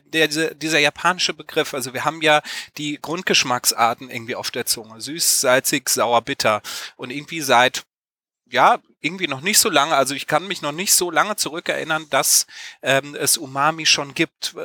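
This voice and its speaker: A man's voice: a little high, normal speed, sharp tone, no echo, clean studio sound. A man co-hosting a podcast who asks questions in a musing, tentative way, often hedging and restarting his sentences. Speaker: podcast co-host asking questions. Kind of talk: casual podcast conversation.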